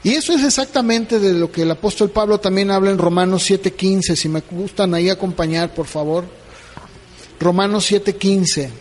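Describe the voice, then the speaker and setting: High-voiced pastor in a reverberant hall. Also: male voice, moderate pace. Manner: asks the congregation questions, acts out dialogues. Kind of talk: sermon.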